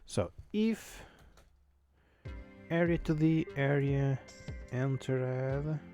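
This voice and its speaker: With faint music behind him, a non-native English-speaking man talks extremely slowly in a medium-pitched, dark voice with fairly even intonation. He codes a game on a live stream, muttering to himself and thinking aloud in a casual way full of fillers.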